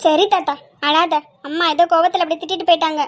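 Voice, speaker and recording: A woman's voice: very high voice, little pitch movement, fast talker. A woman voicing a caring young college girl who soothes and teases her grandfather in a homemade family skit. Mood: soothing. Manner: coaxing, soothing, teasing.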